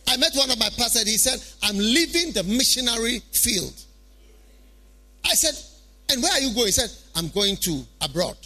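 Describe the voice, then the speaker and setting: High-pitched Ghanaian man preaching emphatically. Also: big pitch swings, normal speed, sharp tone, faint music behind. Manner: emphatic, repetitive, rhetorical questioning. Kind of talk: sermon.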